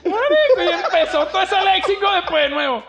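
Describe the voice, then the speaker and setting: Animated man telling stories. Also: extremely high pitch, fast. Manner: animated, slangy, acts out quoted voices. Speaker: podcast guest. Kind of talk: casual storytelling interview. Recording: slightly dull podcast audio with faint music.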